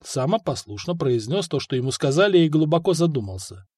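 A man narrating an audiobook in an even storytelling read. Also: fairly high pitch, fairly quick, no echo, clean studio sound. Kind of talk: scripted narration.

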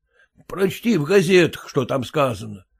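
A man's voice: fairly high pitch, big pitch swings, normal speed, gravelly, breathy edge, exaggerated voice. A man doing a pompous grumbling merchant. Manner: grumbling, lecturing, self-important. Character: pompous fussy merchant husband, fearful of typhus.

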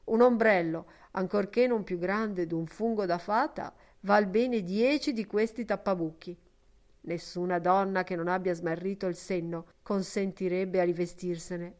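A woman's voice: lowish voice, unhurried, a little mellow, close to an everyday voice. A sardonic young man, read by a woman scoffs and mocks in an old-fashioned audiobook. His tone is dismissive and witty. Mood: scoffing. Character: scornful mocking young man, dismissive wit.

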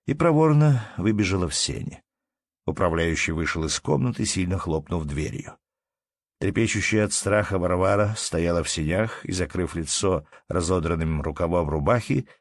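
Deep-voiced man reading a classic tale. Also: dry recording. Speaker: audiobook reader. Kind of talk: literary narration.

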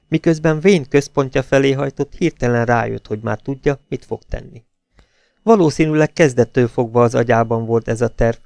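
A man reads a novel aloud in a steady, even narration. His voice has a gravelly edge, and the recording is close and dry with no room sound. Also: medium pitch, dry recording. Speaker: audiobook reader. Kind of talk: audiobook narration.

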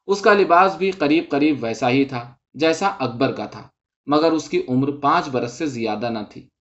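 Guy narrating a short story, steady reading, kinda muffled audio. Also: mid-range voice. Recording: dull lo-fi recording.

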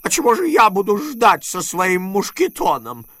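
In a storybook reading, a man puts on a frightened old miser, an uncle who pleads and blusters. The voice sits high and leaps all over the place. The sound is dry and close. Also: sing-song, fairly bright tone, no room sound, full character voice. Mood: nervous, blustering. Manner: shrill, pleading, quick to bluster.

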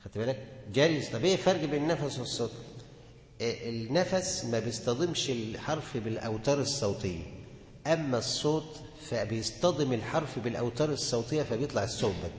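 Egyptian male teacher, mid pitch, quizzes the class, booming hall reverb. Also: fast. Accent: Egyptian Arabic. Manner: asks the class questions and answers them himself. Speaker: Quran recitation teacher. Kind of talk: classroom lesson on tajweed. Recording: echoey hall with long reverb.

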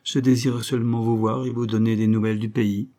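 A man reading the part of a proud, hurt provincial noblewoman who speaks quietly and with restraint. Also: mid-range voice, little pitch movement, a little fast, close to an everyday voice.

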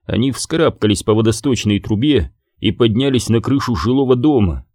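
A man narrating an audiobook in a steady, measured way. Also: mid-range voice, no room sound, studio quality.

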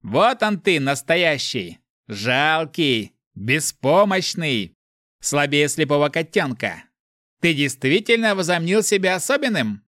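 A man's voice: sits high, very animated, normal speed, pushed and bright, no echo, studio quality, voice pushed up, full character voice. A man voicing a sneering, relentless spirit. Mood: mocking. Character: mocking male spirit voice inside a head.

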